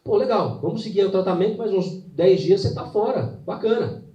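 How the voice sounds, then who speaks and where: A man voicing a relieved male doctor who talks in a slangy, relaxed way. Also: sits high, a little fast, lo-fi sound, voice pushed up. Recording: roomy hall, mic at a distance.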